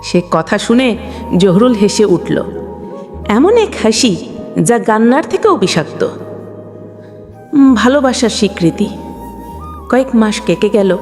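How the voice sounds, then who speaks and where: A woman reads a scripted emotional story like a storyteller, with a dramatic, sentimental delivery. Her fairly high, expressive voice has a darkish tone; she takes her time and pauses often. Background music plays beneath long hall reverb.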